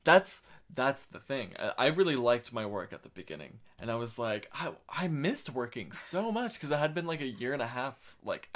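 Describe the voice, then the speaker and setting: A man's voice: mid-range voice, big pitch swings, moderate pace, few pauses, fairly bright tone. A young man co-hosting a podcast, talking in a laid-back way, swearing freely and doing mock-sweet impressions of himself at work. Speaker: podcast co-host. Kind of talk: casual chat.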